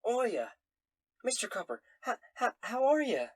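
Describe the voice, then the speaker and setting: A man voicing a tipsy, dim but friendly barmaid in a tabletop game, with loud, sassy, folksy calls and stammers. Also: very high voice, very animated, unhurried, breathy edge, dry recording, voice pushed up, full character voice. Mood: loud greeting.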